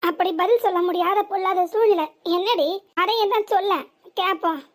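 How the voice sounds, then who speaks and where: A woman voicing a nagging village mother, squeaky-high. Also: normal speed. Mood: scolding. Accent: southern Tamil Nadu. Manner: nagging, exasperated scolding. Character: scolding worried middle-aged village mother. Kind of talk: cartoon comedy dialogue.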